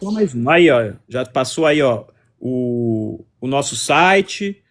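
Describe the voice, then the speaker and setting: A man's voice: mid-range voice, expressive, slow pace. A man with a Brazilian accent hosting a casual live stream, talking combatively and repeating himself as he answers chat comments. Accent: Brazilian Portuguese.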